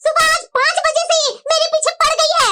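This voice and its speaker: A woman's voice: very high voice, flat delivery, quick pace, bright, forceful tone, a little hiss or hum. A woman voicing an irritable young married woman in a Hindi cartoon who snaps and complains in exasperation. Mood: exasperated. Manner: snappish, exasperated.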